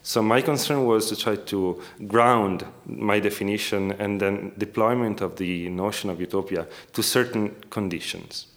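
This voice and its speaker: In this scholarly interview, the interviewee is an academic researcher with a low, careful male voice who talks at a normal speed with few pauses. He speaks hesitantly in measured academic language, often rephrasing himself.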